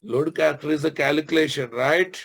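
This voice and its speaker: A man with a Telugu Indian accent and a slightly husky voice, teaching a live technical class, repeating phrases and quizzing his students informally. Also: a little high, steady tone, moderate pace, fairly bright tone. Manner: repeats phrases, often addresses listeners informally. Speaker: programming instructor.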